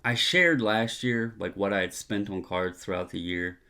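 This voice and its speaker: A man's voice: on the low side, normal speed, bright, forceful tone. A middle-aged man hosting a hobby video, talking in a casual, opinionated monologue with an earnest, emphatic, colloquial manner.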